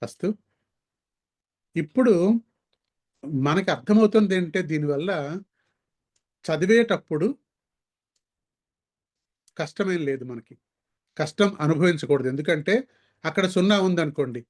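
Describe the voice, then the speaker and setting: A man leads an online language class, his voice sitting a little high. He drags out syllables and repeats words slowly so learners can copy the sounds. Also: darkish tone. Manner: slow, careful demonstration of sounds. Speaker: Sanskrit teacher.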